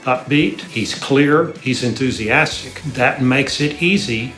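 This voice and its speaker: A man's voice: mid-range voice, takes it slowly, a bit bright, soft background music. A man, giving a sincere personal testimonial about his singing. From Texas, USA. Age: 60s. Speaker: student testimonial.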